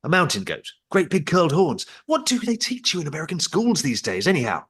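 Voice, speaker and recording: A man's voice: fairly high pitch, huge pitch swings, a little fast, slightly rough, exaggerated voice. A man reading a brusque, scornful commanding officer. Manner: clipped, impatient orders with a sharp tongue. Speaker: table read actor. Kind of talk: script table read over video call. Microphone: video call.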